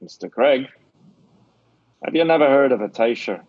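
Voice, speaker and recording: An actor playing a shrewd, blunt middle-aged Scottish theatre owner, with a Scottish accent, in an old-time radio drama. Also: male voice, medium pitch, lively intonation, moderate pace, slightly rough, no room sound. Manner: blunt, scolding, sly. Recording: dull dry lo-fi radio recording.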